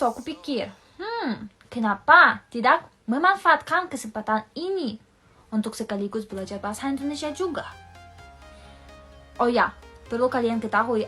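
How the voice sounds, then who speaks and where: A woman's voice: on the high side, bright, forceful tone. A woman from Europe telling a personal story as a foreigner in fluent, carefully phrased Indonesian.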